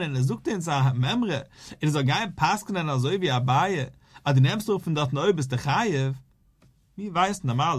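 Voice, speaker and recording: A man, a rabbi, teaching a daily Talmud page, in a sing-song study cadence that repeats its key phrases. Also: fairly high pitch.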